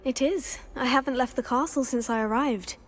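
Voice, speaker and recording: A woman's voice: sits high, moderate pace. A woman playing a polite, eager teenage witch student in a game cutscene, speaking earnestly. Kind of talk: scripted game cutscene acting.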